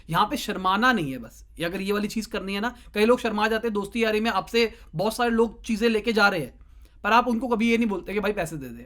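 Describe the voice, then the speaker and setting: A young man talks casually, giving advice in a clip. He speaks straight to the viewer in a chatty, conversational way, slipping in quick asides as he goes. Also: sits high, fairly bright tone. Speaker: digital marketing YouTuber giving advice.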